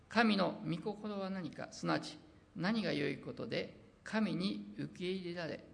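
Middle-aged preacher from Osaka, Osaka accent, gravelly and animated, earnest sermon delivery. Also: mid-range voice. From Osaka, Japan. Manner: earnest, reads scripture slowly, slips into dialect. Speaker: preacher and missionary. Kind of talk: sermon with personal testimony.

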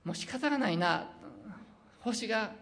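A middle-aged preacher and missionary from Osaka with an Osaka accent. They give an earnest sermon, read scripture slowly, and slip into dialect. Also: mid-range voice, lively intonation, fairly bright tone. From Osaka, Japan. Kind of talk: sermon with personal testimony.

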